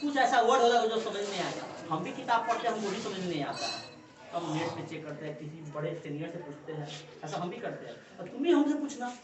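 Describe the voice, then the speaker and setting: A woman's voice: on the low side, big pitch swings, crowd noise. Distant woman teacher in an echoey classroom. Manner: coaxing, keeps checking with quick questions. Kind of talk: classroom lecture. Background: students in the class.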